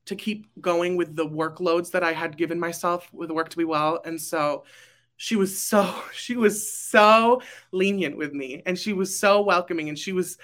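A woman's voice: on the low side, normal speed, a bit bright. A young woman, a graduating student council member, talking casually on a podcast, emotional and rambling with fillers and restarts.

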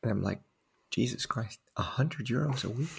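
On a casual podcast, a guest diving instructor (a Dutch man in his forties from the Netherlands, speaking his native tongue) talks at normal speed in a medium-pitched voice that is slightly rough with vocal fry. His tales ramble, amuse him, and brim with fillers.

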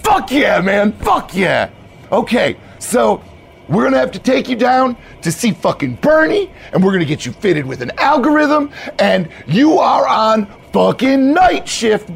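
Give me a man doing a shouty, manic bro manager. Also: extremely high pitch, creaky, breathy edge, pitched above the performer's own voice, exaggerated voice. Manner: shouting, swearing, manic enthusiasm. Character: hyped-up profane young male bro manager. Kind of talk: tabletop role-play character voice.

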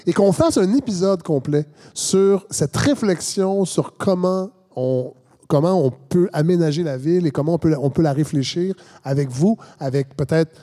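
A man's voice: fairly high pitch, moderate pace, dark tone. A man with a Québécois French accent hosting a podcast, casual and affirming with his guest. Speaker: podcast host. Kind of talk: podcast conversation.

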